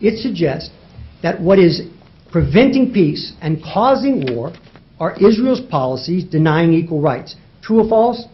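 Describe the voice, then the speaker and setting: A man addresses a judge in a courtroom oral argument, his voice pitched high for a man. He drives his case with rhetorical questions and repeats key words for emphasis. The recording is dull and lo-fi. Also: very animated, a little slow. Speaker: lawyer arguing in federal court.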